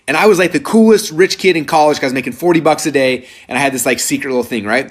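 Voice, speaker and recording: A man in his thirties presenting a live sales webinar, telling a story in an energetic, rambling way with lots of filler words. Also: a little high, racing.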